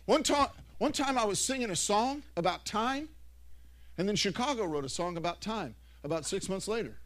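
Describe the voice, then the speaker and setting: Middle-aged preacher guy, high voice, rambles through stories, lots of restarts. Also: normal speed. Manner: rambling, animated storytelling with many restarts. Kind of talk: anecdotal sermon.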